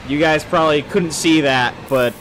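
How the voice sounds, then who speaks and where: A man's voice: fairly high pitch, moderate pace, fairly bright tone, soft background music. A young man casually commenting on a game as its host, joking and self-deprecating. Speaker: gamer host. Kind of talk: casual let's-play commentary.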